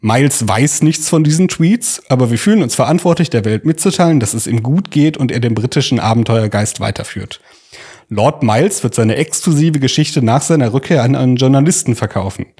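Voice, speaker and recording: In casual, colloquial conversation, this podcast host narrates a story and reads out quotes. His voice is mid-range, animated, and fairly quick, with a darkish, slightly rough tone.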